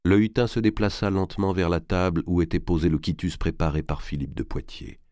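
A man narrating a historical novel as an audiobook, in a measured storytelling manner. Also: low-pitched, a little mellow, no echo, studio quality. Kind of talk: scripted narration.

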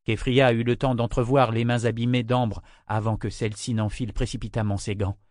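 A man's voice: medium pitch, little pitch movement, brisk, a little mellow, dry recording, clean studio sound. A man narrating a novel as an audiobook, reading with voices for each character.

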